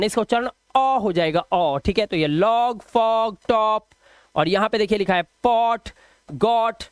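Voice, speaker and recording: A man teaching English pronunciation rules step by step. He stretches each example word out slowly, repeats it, and keeps checking that the listener follows. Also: high voice, no echo, clean studio sound. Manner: patient, step-by-step explaining with frequent checks.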